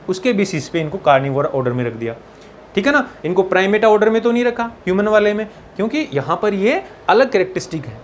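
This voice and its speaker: A high-pitched male teacher delivers an exam-prep biology lecture in a Hindi-English mix, with slight background noise. He often asks "ठीक है ना" to check in and slows his pace whenever he dictates English textbook lines.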